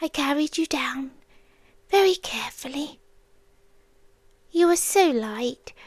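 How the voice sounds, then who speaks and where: A British woman, tender and wondering, gives voice to a childlike sea demon who is female and possessive in an ASMR roleplay. Her high-pitched delivery is animated yet breathy and soft, often falling to a whisper with slow, coaxing pauses. There is no room sound, and the effect is tender but eerie.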